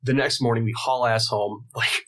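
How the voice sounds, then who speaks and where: A man in his thirties tells a story in casual podcast talk. His voice is bright and forward. He throws himself into the tale, jumping up high to act out the people he quotes. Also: normal speed. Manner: animated storyteller who acts out quoted people. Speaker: guest luthier.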